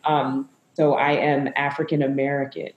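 A woman pastor with a very low voice responds on a live panel, halting often and filling pauses. Her words come out emotional and unpolished. The sound carries a noticeable room echo. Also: little pitch movement, dull audio, heavy background noise. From Zambia and the US. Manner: halting, many fillers, emotional. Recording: echoey room.

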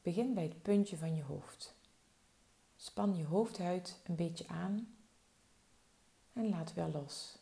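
As a relaxation guide, a woman takes listeners through a slow body meditation with gentle, soothing delivery. She speaks in a low, mellow tone full of gravelly fry, letting each cue settle before continuing.

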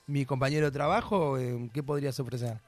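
A man's voice: medium pitch, steady tone, a little fast, darkish tone. A man with an Argentine accent hosting a radio comedy sketch, fussy and interviewer-like. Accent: Argentine Spanish. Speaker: radio host.

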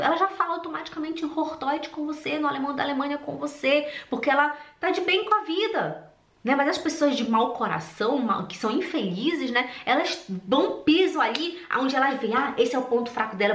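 A woman from Brazil telling personal stories and encouraging viewers in an animated, expressive way, recorded with a roomy echo. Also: high-pitched. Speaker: vlogger.

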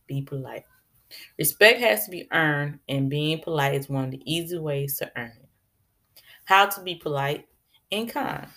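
A woman giving casual advice on politeness, with a low-set voice and a gravelly fry running through it. She talks in a chatty, preachy way and often turns aside to address her listeners directly. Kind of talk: casual talk on etiquette.

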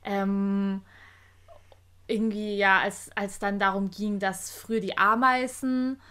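A woman's voice: medium pitch, little pitch movement, takes it slowly, pushed and bright, clear, resonant tone. A woman talking casually and thoughtfully, hesitating with plenty of fillers. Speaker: listener. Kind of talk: casual chat.

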